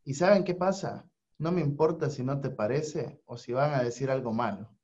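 A man's voice: mid-range voice, moderate pace, a little mellow. A man hosting a radio talk, speaking in an earnest, preacher-like way about faith and support. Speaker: radio host. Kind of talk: casual spiritual talk. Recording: dull lo-fi audio.

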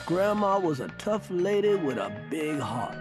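A grown man looking back on boyhood in a film trailer voice-over. His voice is high and animated, taking its time over swelling loud music. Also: unhurried. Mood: storytelling, ominous.

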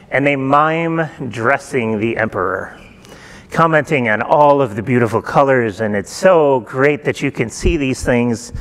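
A middle-aged man preaching a sermon in a church, retelling a folktale in a relaxed, conversational way and asking the congregation questions. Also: medium pitch. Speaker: pastor. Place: church sanctuary.

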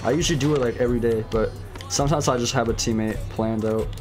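Male game streamer, hyped gamer bro manner, casual slang, mid-pitched, music in the background. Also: quick pace. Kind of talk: casual gaming livestream chat. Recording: music playing behind.

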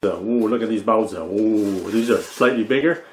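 A man hosting a casual food vlog and cooking demo, speaking easygoing and pausing often with "uh" as he explains. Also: lowish voice, a little hiss or hum. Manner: easygoing, frequent "uh" pauses while explaining. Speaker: food vlogger.

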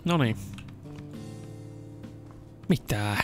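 A young man with a Finnish accent giving casual let's-play commentary, swearing and yelling whenever the game turns dangerous. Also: on the low side, soft background music. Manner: excitable, swears and yells when in danger. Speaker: gaming YouTuber.

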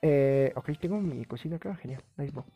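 A man streaming a game live, talking casually, rambling excitably and swearing often. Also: mid-range voice, moderate pace, slightly rough, highs cut off.

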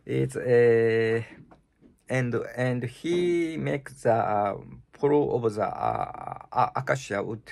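A man with a Japanese accent, a native Japanese speaker, reading the Bible aloud in English in a halting, stumbling way, with many restarts and fillers. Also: mid-range voice, big pitch swings, gravelly, darkish tone. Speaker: channel host reading scripture.

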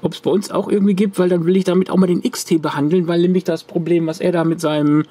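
Quick-paced and mellow, with a high voice and fairly even intonation, a man shows a corroded circuit card to the camera at his home workbench. He's a retro computer hobbyist making a casual show-and-tell vlog, rambling with restarts and fillers.

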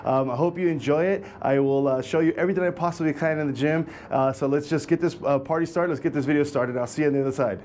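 Fast-talking upbeat realtor man. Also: a little mellow. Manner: upbeat, friendly sales pitch. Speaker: real estate agent hosting a property tour. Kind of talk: casual to-camera vlog. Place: high-rise apartment by a big window.

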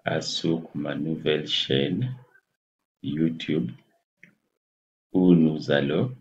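Speaking casually into a laptop webcam at his desk in a small room, a man in his forties with a Kenyan English accent, native to the language, runs a health channel. His voice is very deep and a little mellow, with fairly even intonation, and he moves slowly and haltingly while searching for words. The sound is muffled lo-fi webcam audio.

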